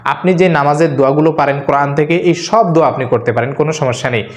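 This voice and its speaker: A man calmly explaining how to pray, step by step, and reciting Arabic prayers as he teaches. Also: a little high, fast talker, reverberant. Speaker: Islamic teacher. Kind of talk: religious instruction video.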